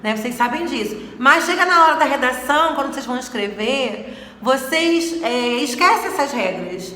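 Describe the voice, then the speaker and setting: In a recorded video lesson for sixth graders, a woman from Brazil speaks at a moderate pace in a high, animated, bright and forceful voice, drawing out and repeating words to mark their syllables. A little hiss or hum sits under the echoey room's long reverb.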